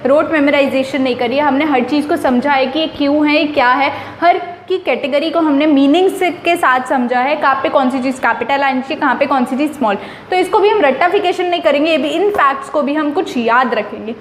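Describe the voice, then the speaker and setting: High-voiced woman teaching grammar, echoey room. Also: fairly quick, few pauses, a little hiss or hum. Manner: chatty and emphatic, mixing English phrases into explanations. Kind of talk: casual explanatory lesson.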